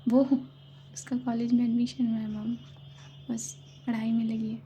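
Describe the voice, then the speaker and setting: A woman's voice: fairly high pitch, flat delivery, normal speed, dark tone, a little hiss or hum, close to an everyday voice. A woman voicing a shy, polite young woman who answers hesitantly in a whispered role-play. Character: shy young woman, nervous around elders.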